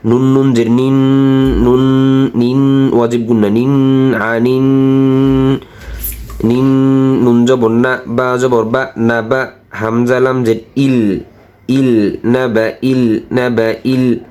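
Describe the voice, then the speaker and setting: Man, Quran teacher, spelling out syllables, very unhurried, clear rich tone. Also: medium pitch, level tone, darkish tone. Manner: slow, drawn-out syllable-by-syllable teaching. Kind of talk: spelling-out recitation lesson.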